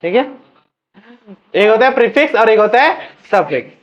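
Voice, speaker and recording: Very animated and high-voiced, a male chemistry teacher moves at a moderate pace through questions, repeating each answer so students can drill it. The classroom recording is muffled and lo-fi.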